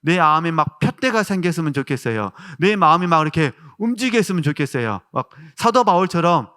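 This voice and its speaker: This pastor's voice runs on the high side, sing-song and a little fast, with a Jeolla Korean accent. Preaching his sermon, he tells warm stories and puts rhetorical questions to the congregation.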